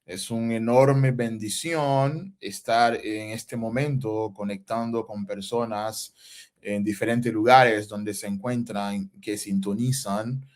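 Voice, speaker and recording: A Haitian man, his accent carrying a touch of Dominican Spanish, speaks as a guest pastor giving reflective interview answers. His voice sits on the low side, and he explains ideas patiently and didactically, using everyday examples and rising questions.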